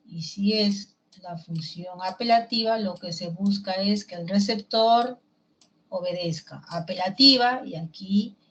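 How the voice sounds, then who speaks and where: Peruvian woman teacher, unhurried delivery, asks the class questions; muffled lo-fi classroom recording. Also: lowish voice, a bit bright. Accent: Peruvian Spanish. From Peru. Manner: slow, explains step by step with questions to the class. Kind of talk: language class lecture.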